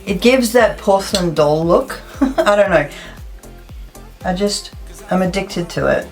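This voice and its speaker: In a plain room indoors, a beauty vlogger from South Africa, a woman in her thirties, talks through her thoughts as she applies makeup for a get-ready-with-me clip. She sounds animated yet unhurried, with a medium-pitched voice over soft background music.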